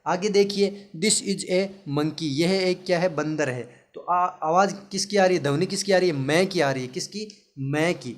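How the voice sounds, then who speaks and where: Male tutor, slightly high voice, repetitive call-and-answer teaching, slow spelled-out words. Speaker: English teacher. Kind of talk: classroom-style grammar lesson.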